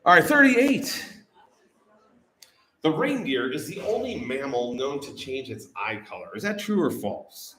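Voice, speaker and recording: A man's voice: mid-range voice, very animated, a little slow, pushed and bright. A man hosting live bar trivia, reading out questions, cracking jokes and swearing freely. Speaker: trivia host.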